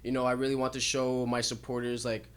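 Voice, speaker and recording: A man's voice: medium pitch, completely flat delivery, a little fast, a little hiss or hum. Laid-back young-sounding male artist guest. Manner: candid, laid-back, frequent um and like. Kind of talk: casual interview. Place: radio studio.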